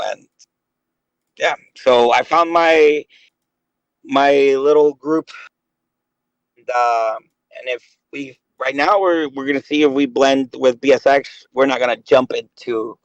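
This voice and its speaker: This gaming guest, a man in his late thirties, wanders through a casual voice-call chat, full of hesitations and filler words. He speaks at medium pitch, and the audio is dry and dull.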